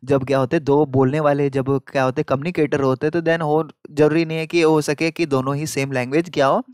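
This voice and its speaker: A man lecturing on an exam paper, reading English passages slowly and explaining them in chatty Hindi full of fillers. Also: fairly high pitch, steady tone, a little mellow, clean tone, dry recording, studio quality.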